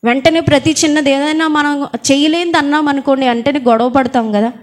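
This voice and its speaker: A woman preaching a sermon in a church hall, asking her congregation question after question in a quiet, small voice. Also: high voice, fairly even intonation, fairly quick.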